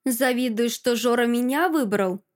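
A woman's voice: moderate pace, natural voice. A woman voicing an envious, spiteful young woman who hisses and mocks her friend. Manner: hissing, shrill, mocking.

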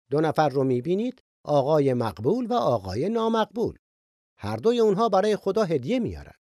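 Man, fairly high voice, earnest and reflective Bible teaching, dry studio mic. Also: dark tone, dry recording. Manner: earnest and reflective, shares personal stories. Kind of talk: sermon-style Bible teaching.

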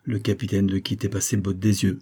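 A man reading a classic novel aloud as an audiobook narrator, in a steady, measured way. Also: on the low side, breathy edge. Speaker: audiobook reader.

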